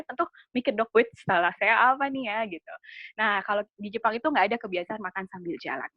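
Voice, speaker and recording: A woman's voice: on the high side, no room sound. Chatty woman giving a webinar lesson. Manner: chatty, asks the audience questions, laughs at own jokes. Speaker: webinar presenter on Japanese culture. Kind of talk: casual lecture with slides. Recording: dry, slightly dull webinar audio.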